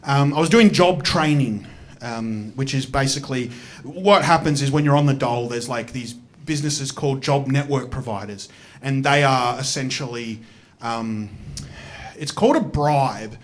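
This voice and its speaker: A man's voice: mid-range voice, normal speed. A man in his thirties with an Australian accent, telling a rambling, self-deprecating stand-up story and swearing freely on stage. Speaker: stand-up comedian. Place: comedy stage before a live audience.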